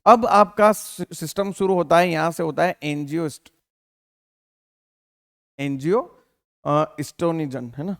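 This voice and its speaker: A man with a fairly high voice teaches a biology exam-prep lesson. He keeps firing questions at his students and answering them himself, calling them dear and leaning on fillers. The sound is close and dry, with no room echo. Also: slow pace, long pauses. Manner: calls listeners beta, many fillers like theek hai. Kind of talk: Hindi exam-prep lecture.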